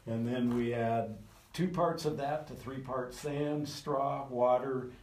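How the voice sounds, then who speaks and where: A man's voice: mid-range voice, takes it slowly. A man giving a casual, practical tour of a small earth house, heard in a poor-quality field recording. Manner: relaxed, practical, hands-on explaining. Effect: poor-quality, distant field recording. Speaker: community member giving a tour. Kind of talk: casual explaining on a walking tour. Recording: distant, echoey, noisy field recording.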